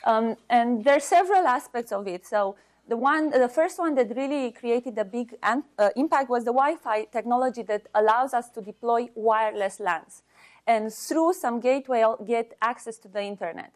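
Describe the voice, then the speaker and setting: This woman, a university researcher, talks off the cuff at an academic seminar in Romanian-accented speech, hesitating as she reaches for words. She has a fairly high-pitched voice.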